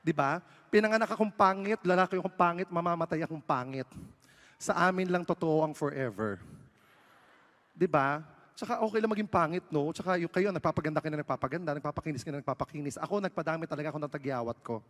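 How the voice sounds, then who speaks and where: A man's voice: a little high, quick pace. A man from the Philippines doing live stand-up, bantering brashly and self-mockingly with the crowd on a big stage. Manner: loud stage calls to the audience. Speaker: stand-up comedian. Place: large live event stage with audience. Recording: reverberant live venue sound.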